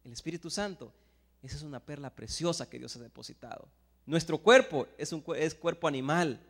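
This sermon comes from a man from El Salvador with a Salvadoran Spanish accent, alternating soft asides with loud, emphatic Bible readings. His voice is a little high and a little fast. He sounds like he's in a large hall.

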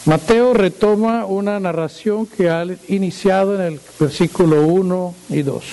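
High, gravelly-voiced male pastor. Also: mellow, poor audio. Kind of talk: sermon with scripture reading and prayer. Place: church.

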